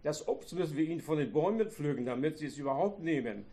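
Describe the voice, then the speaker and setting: A man voicing a retired old farmer who complains loudly and sarcastically about his grown children. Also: a little high, lively intonation, fast. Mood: bitter. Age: older. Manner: loud, reproachful, sarcastic.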